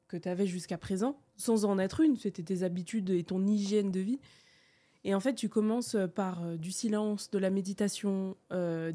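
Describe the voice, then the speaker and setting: A woman co-hosting a podcast, her voice mellow and warm. She explains at a measured pace, pausing often on hesitant fillers. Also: medium pitch. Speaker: podcast co-host. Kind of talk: casual conversation.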